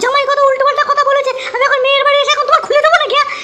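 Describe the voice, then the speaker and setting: A woman's voice: very high voice, little pitch movement, very fast, sharp tone, slight background noise. A woman playing an indignant middle-aged mother-in-law in a comic audio drama, scolding and fed up. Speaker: mother-in-law visiting her daughter's home.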